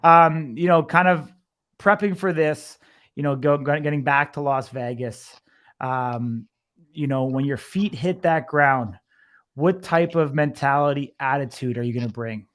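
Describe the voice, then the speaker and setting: A man's voice: a little high, unhurried, a bit bright. A man working as an interviewer, asking long, rambling questions in a conversational sports interview style.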